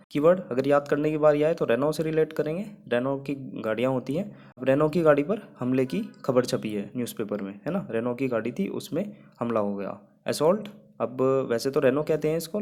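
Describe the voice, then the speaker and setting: A man's voice: mid-range voice, darkish tone. Young man teaching vocabulary, patient tone. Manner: patient, explains word by word with memory tricks. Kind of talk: explaining English words in Hindi.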